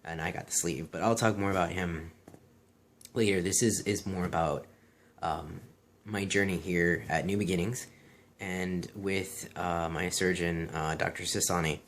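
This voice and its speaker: A man's voice: low voice, steady tone, unhurried, fairly bright tone, a little hiss or hum. A man talking casually and earnestly in a personal vlog, repeating himself and often saying "you know".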